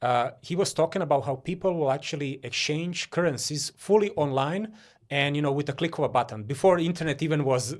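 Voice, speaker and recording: A man's voice: a little high, fairly quick. A Croatian-born man talking casually as an interview guest, with many fillers and restarts.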